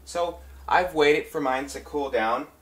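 A man with a fairly high, somewhat bright voice speaks slowly as he hosts an instructional video. A musician teaching the talk box, he explains the hands-on process casually, referring to viewers as guys and folks.

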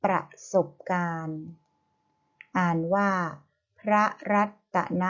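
A woman teacher reads vocabulary aloud at an extremely slow, careful pace. She spells out every word one syllable at a time and repeats the same cue before each one. The recording sounds dull and lo-fi. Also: fairly low pitch, steady tone. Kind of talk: slow vocabulary reading drill.

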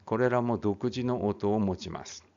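A man's voice: on the low side, moderate pace, darkish tone. A man teaching English phonics, reading a text aloud and then explaining it casually, often correcting himself. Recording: dull lo-fi recording.

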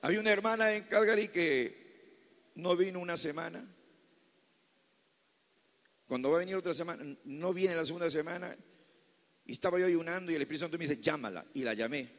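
A man preaching a sermon as a pastor, moving from quiet storytelling to loud, fervent exclamations. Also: on the high side, fairly quick, long pauses, in a large hall. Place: large church hall.

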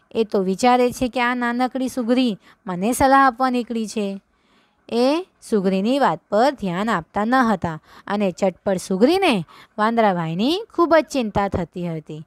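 A woman's voice: on the high side, lively intonation, no room sound. A woman teaching young children, reading a story aloud with them line by line, then explaining it and asking them questions. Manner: reads slowly, repeats lines, quizzes the children. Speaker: primary school teacher. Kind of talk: slow read-along story lesson for children.

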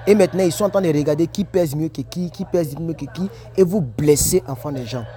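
Animated man vlogging on a break. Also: fairly high pitch, fairly quick. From Ivory Coast. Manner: animated, repetitive, preachy. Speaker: vlogger reacting to comments. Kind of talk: casual commentary. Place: at work on a break.

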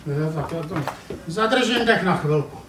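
A man's voice: a little high, expressive, background noise, lightly acted. A man voicing a shy, sad young puppy in a live puppet show. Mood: timid. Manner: shy, eager, hesitant. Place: family centre playroom, live puppet show. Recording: echoey room from far off, audience.

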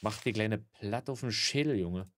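A man's voice: on the low side, normal speed, a bit bright, a little hiss or hum. A man giving casual gameplay commentary, grumbling and swearing, with mock-polite greetings to customers. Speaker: gaming let's player.

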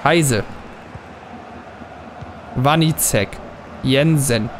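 A young man giving casual commentary while he plays a football video game, muttering at times and bursting out loudly at plays. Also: medium pitch, extremely slow, noisy background. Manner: excitable, swings from muttering to loud outbursts at plays. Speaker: gaming channel host.

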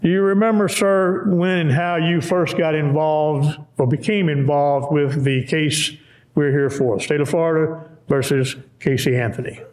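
A man's voice: a little high, fairly even intonation, measured pace, darkish tone, reverberant, low-quality recording. A man questioning a witness in court, formal and polite, calling him sir, heard in a courtroom recording. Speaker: defense attorney questioning a witness.

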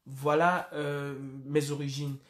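A man, speaking to the camera in an impassioned, emphatic way. His voice sits somewhat high for a man. The room is echoey, and the camera mic is close. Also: level tone, slow pace. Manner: impassioned, emphatic, with frequent hesitations. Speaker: political commentator. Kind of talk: direct-to-camera address. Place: indoor room against a plain wall.

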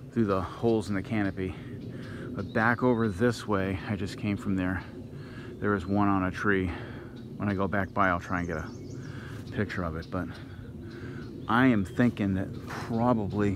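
Camping alone on a wooded island, a middle-aged man with a fairly low pitch records a casual vlog, chatty and rambling as he thinks out loud. He films on a phone camera, handheld selfie-style or set down nearby, so the outdoor audio is noisy, with birds and general ambience.

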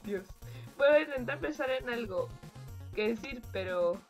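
A young woman with a fairly high voice chatters through her gameplay. She is excitable and swears freely. Faint game music plays underneath. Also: unhurried. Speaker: let's play gamer. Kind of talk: casual gameplay commentary.

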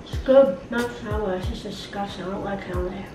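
A woman's voice: mid-range voice, steady tone, normal speed. A young woman chatting casually as a participant in a challenge video. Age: young adult. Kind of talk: casual chat. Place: home kitchen, indoors. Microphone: camera mic a few feet away. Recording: echoey kitchen, distant mic, music behind.

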